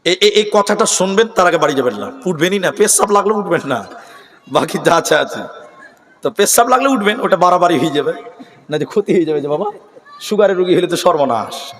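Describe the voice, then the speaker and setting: A man from Assam preaching a Bengali waz sermon into a stage microphone at an open-air gathering, humorous and animated, calling on the audience. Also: high voice, brisk, long reverb tail. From Assam, India. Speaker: Islamic preacher.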